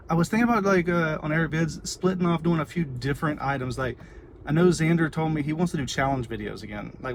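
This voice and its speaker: Texan man rambling over loud background noise. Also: fairly high pitch. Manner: rambling, informal. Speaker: vlogger and parent. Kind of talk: casual chatty livestream, answering viewers. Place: inside a car. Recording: noisy car with ambient background noise.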